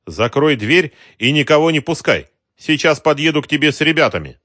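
A man voicing an energetic, quick-tempered market boss around thirty who talks curtly. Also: fairly high pitch, dry recording, studio quality, voice pushed up. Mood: angry, brisk. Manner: energetic, curt, cursing. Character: brisk, angry male boss around thirty.

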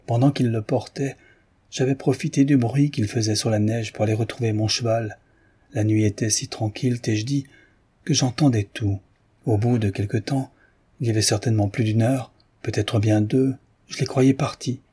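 A man reading the part of a gruff, dying old peasant confessing a crime he witnessed, in an audiobook. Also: medium pitch, fairly even intonation, moderate pace, warm tone, lightly acted. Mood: grave.

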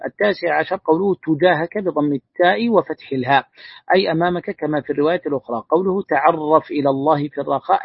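Male sheikh, quick husky delivery, reads a text aloud and glosses it, dull dry lo-fi recording. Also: a little high, dry recording. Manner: reads a classical text aloud, then adds brief plain remarks. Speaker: sheikh teaching hadith. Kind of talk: religious lesson reading and explaining a text.

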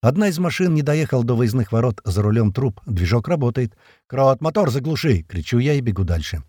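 Narrating a first-person action audiobook, this man uses a mid-range voice with lively intonation at a fairly quick clip. It's a dry, studio-quality recording, and he tells the story tensely and vividly, shouting out the soldiers' lines.

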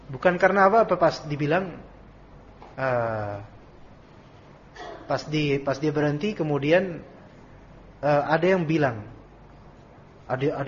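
A male religious teacher giving a Quran commentary lesson, reading Arabic text and retelling it as an animated, casual story. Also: a little high. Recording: dull lo-fi audio recording.

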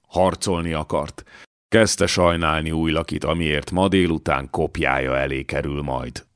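A man narrates a historical novel in a deep, low voice. His reading is measured and dramatic, and the sound is dry and close. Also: no echo. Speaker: audiobook narrator. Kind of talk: scripted narration.

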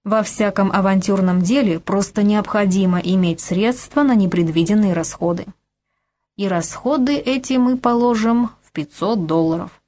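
A woman voicing a brisk middle-aged man, a scheming financier who lectures crisply and commands. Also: medium pitch, dark tone, natural voice. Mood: lecturing. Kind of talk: audiobook character voice.

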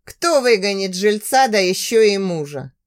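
A woman's voice: mid-range voice, animated, unhurried, close to an everyday voice. A woman doing a sneering brutal husband. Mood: mocking. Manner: menacing, sneering, growled threats. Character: cruel abusive husband, young adult man.

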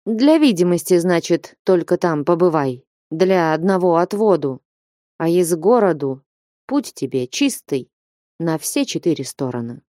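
A woman reading the part of a stern older merchant who lectures and commands a young man in slow, weighty warnings. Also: lowish voice, mellow, dry recording, clean studio sound.

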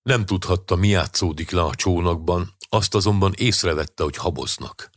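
A male audiobook narrator with a very deep, husky voice. He tells the story in a measured, even way. The recording is close and dry, with no room sound. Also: no room sound.

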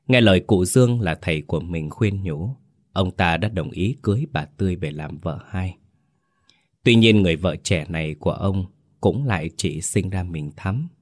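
A man narrates a ghost story in a very low voice, steady and measured. He also greets listeners as the host. The sound is dry and close, with no room echo.

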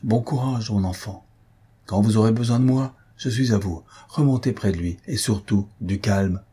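A man voicing a calm, fatherly older doctor who speaks in a measured, reassuring way. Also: fairly low pitch, slightly rough.

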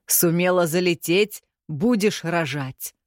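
Woman reading a harsh wealthy father, slow and commanding, low voice, dry close sound, audiobook. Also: dry recording. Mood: stern. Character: stern rich middle-aged father, domineering and harsh.

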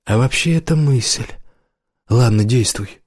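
A male audiobook reader voicing a weary, misanthropic squad leader who speaks quietly with dry sarcasm. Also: medium pitch, unhurried, husky. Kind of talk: audiobook character voice.

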